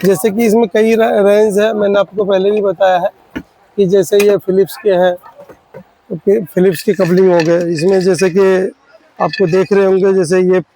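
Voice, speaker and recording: A man's voice: high-pitched, level tone, moderate pace, warm tone, a little hiss or hum, poor audio. A man, a spare parts shop owner, explaining products to fellow shopkeepers in an earnest, pleading, repetitive way.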